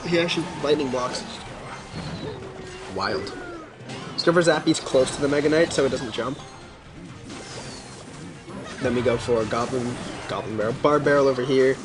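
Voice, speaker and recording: A man's voice: mid-range voice, normal speed, pauses often. A man casually commenting on his own gameplay during a live stream, laid-back and mumbling asides as he reacts to chat. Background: game music.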